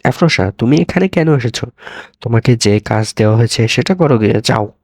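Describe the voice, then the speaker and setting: A man's voice: medium pitch, expressive, fairly quick, darkish tone, no echo. Brief: narrator as a scared male investigator in an audio story, urgent and pleading, dry close sound. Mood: pleading, afraid. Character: frightened desperate male investigator.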